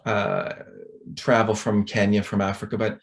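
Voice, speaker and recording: A middle-aged man with a fairly low voice gives a conference talk over a video call. He is chatty and rambling, with a self-deprecating manner. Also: little pitch movement, normal speed, creaky. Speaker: conference speaker.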